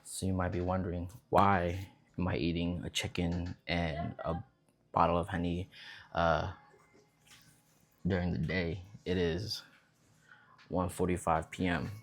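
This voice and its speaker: A young man who grew up in Vietnam vlogs while eating at home, chatting in a loose, easygoing way. His voice sits low yet sounds a bit bright, with a slight hiss or hum in the recording.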